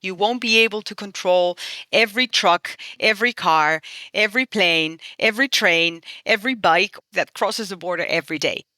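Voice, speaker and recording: In a clean studio recording with no room sound, the Spanish MEP, a middle-aged woman, lays out her positions in earnest interview answers. She speaks at a normal speed in a mid-range voice with a sharp tone.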